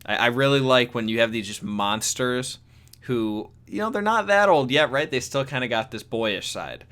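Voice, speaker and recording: A young man chatting casually in a solo manga review, rambling with many restarts and growing excitable. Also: medium pitch, moderate pace. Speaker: YouTube manga commentator.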